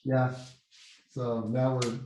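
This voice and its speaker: A man hosting a meeting in casual, halting talk, who repeats his words and sounds hollow, as if speaking in a hole, because he sits far from a computer mic. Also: medium pitch, little pitch movement, warm tone, slight background noise. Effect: hollow cave-like echo, as if speaking in a hole. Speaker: meeting host. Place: meeting room with windows and blinds. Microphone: computer mic set back from the speaker. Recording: very echoey room, far from the mic.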